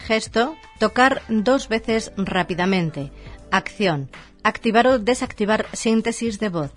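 A woman's voice: a little high, lively intonation, slow pace, soft background music. A woman narrating a scripted instruction manual formally, reading it out in short labelled items.

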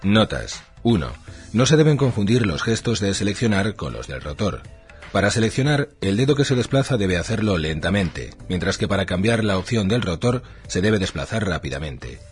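A man's voice: low-pitched, sing-song, normal speed, soft background music. A man reading a scripted instructional manual in a formal way, item by item in short labelled phrases.

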